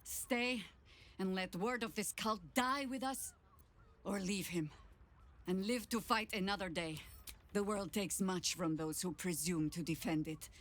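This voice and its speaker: A woman playing a weary old veteran fighter in a video game, speaking in a grave, measured, confessional way. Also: medium pitch, a bit bright, close to an everyday voice. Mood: grave, regretful. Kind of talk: dramatic video game dialogue.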